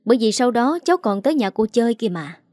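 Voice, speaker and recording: A woman voicing a poised older wealthy woman who speaks calmly and teasingly. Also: fairly high pitch, dry recording, clean studio sound. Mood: coolly teasing. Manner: calm, teasing, unhurried.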